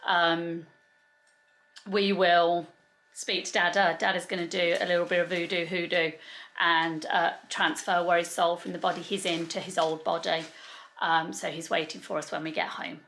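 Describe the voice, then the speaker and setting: A woman's voice: on the low side, level tone, moderate pace, vocal fry, fairly bright tone, a little hiss or hum. A woman, a mother chatting casually to camera in a family vlog at a holiday resort, rambling with frequent filler ums.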